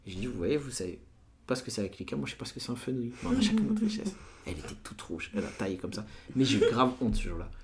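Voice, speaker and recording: Guy in his 30s, banlieue n street slang, talks really fast, tells stories acting out who said what. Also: medium pitch, slight background noise. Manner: French suburb street slang; animated retelling with quoted dialogue. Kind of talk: casual anecdotal storytelling.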